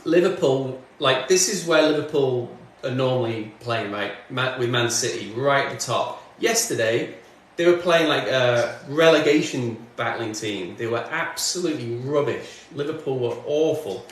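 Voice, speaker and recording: A man's voice: medium pitch, expressive, normal speed, few pauses, recorded from a distance. A man from northwest England, chatting casually on a livestream as he answers comments. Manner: chatty, answers chat comments, talks while working. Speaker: music streamer. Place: home studio, in doors. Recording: very echoey room, off mic, faint background noise.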